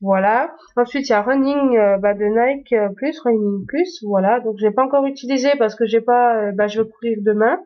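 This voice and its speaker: A woman talks casually to her viewers, stopping often to search for words. Her voice sits a little high. The recording is muffled and lo-fi. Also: normal speed, few pauses. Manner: hesitant, many fillers and restarts. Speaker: YouTuber. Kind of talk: casual phone tour vlog.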